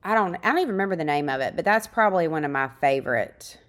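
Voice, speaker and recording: A woman's voice: low-pitched, lively intonation, quick pace. A young woman guest in a casual podcast interview, chatty and self-deprecating, laughing often.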